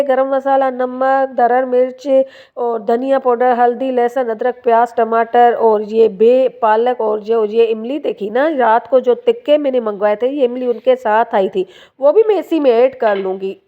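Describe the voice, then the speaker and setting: A woman's voice: fairly high pitch, steady tone, a little slow, phone-quality sound. A young woman, from Sindh, chatting to her viewers in a casual home vlog voice-over. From Sindh, Pakistan. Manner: chatty, addresses viewers warmly with fillers. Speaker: home vlogger. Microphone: phone.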